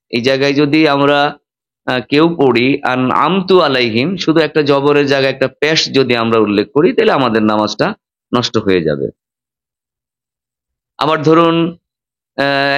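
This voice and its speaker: A male preacher delivering a sermon in a teacherly way. He stresses words with sudden lifts and falls and slows down to model pronunciation. His voice sits at an ordinary middle pitch for a man. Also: fairly bright tone, highs cut off. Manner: teacherly, demonstrates Arabic pronunciation, emphatic rises and drops. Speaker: Islamic preacher.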